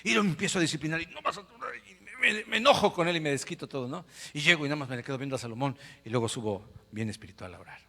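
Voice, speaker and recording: A male pastor preaching a lively sermon, swinging between loud exhortation and quiet storytelling. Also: fairly high pitch, fast, vocal fry, few pauses, long reverb tail. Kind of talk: lively sermon with acted-out anecdotes. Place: church sanctuary with a PA speaker.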